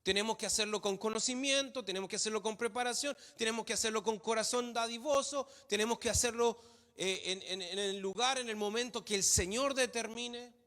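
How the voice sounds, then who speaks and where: A man's voice: high voice, brisk, fairly bright tone. A man preaching a sermon in a church hall, emphatic, repeating phrases for stress. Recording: long hall reverb.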